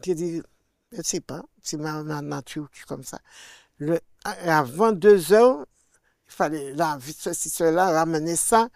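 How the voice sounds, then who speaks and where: An older woman with a Martinican French accent tells a personal faith testimony as an interview guest. She acts out the dialogue she quotes and swings between loud and hushed. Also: sits low, unhurried, vocal fry, no room sound, clean studio sound.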